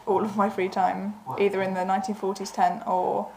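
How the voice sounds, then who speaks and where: A woman's voice: medium pitch, little pitch movement, fairly quick, gravelly, darkish tone. A woman chatting casually as a co-presenter about events. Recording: faint background noise and room ambience.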